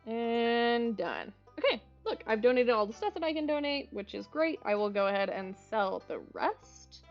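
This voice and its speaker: A woman's voice: on the high side, very animated, moderate pace. A woman giving casual let's-play commentary, chatty and bubbly, rambling off on asides with frequent ums. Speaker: gaming video host. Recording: slightly muffled, faint game music behind.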